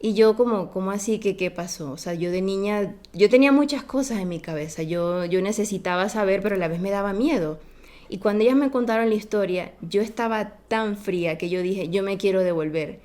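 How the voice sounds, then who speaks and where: A woman guest on a podcast, telling a childhood story in a casual, animated way and acting out the voices of the people in it. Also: mid-range voice, brisk.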